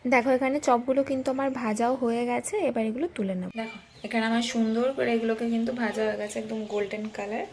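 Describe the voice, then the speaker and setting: A woman's voice: on the high side, a little hiss or hum. A young woman vlogging at home, walking viewers through a recipe step by step in a home kitchen. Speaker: family vlogger. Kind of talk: casual home vlog, cooking talk.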